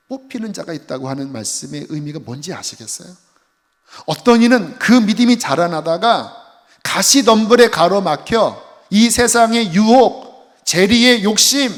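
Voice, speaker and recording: A man preaching a sermon as a pastor, earnest, pressing his points with rising emphasis. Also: high voice. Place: church sanctuary. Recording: echoey church hall with music.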